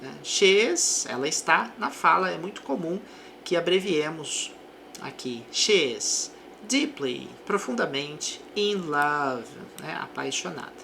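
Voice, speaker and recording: A woman teaching an English lesson, reading example sentences slowly and then explaining them more quickly. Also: sits low, lively intonation, gravelly, pushed and bright, a little hiss or hum. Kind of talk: language lesson.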